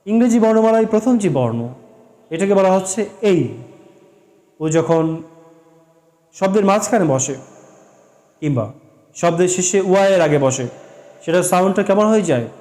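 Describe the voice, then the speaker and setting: Casting: high-pitched male tutor with a Bengali accent, patient, drills letters and sounds one at a time. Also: expressive, mellow. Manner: explains slowly, repeats sounds and letters for practice, mixes English phrases in. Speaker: English pronunciation tutor. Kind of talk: classroom-style lesson.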